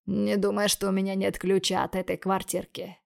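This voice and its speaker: A crude male debt collector, put on by a woman reader, lowering her voice into a slow, taunting drawl. The tone carries a gravelly edge and is meant to menace, in an audiobook scene. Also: monotone. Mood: menacing sneer.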